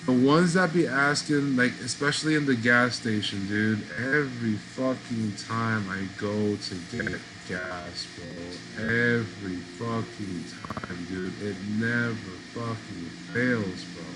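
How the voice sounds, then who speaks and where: A middle-aged man hosting a podcast, talking in a loose, profane, animated street style. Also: lowish voice, slow, hardly any pauses, background noise. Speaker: podcast host. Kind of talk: casual monologue.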